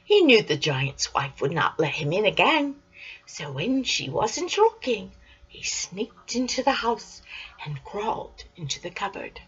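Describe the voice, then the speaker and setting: An older woman reads a children's story aloud, slow and animated, her voice swooping and bright. A breathy quality runs through it, with soft whispered asides. The lo-fi recording sounds dull. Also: medium pitch.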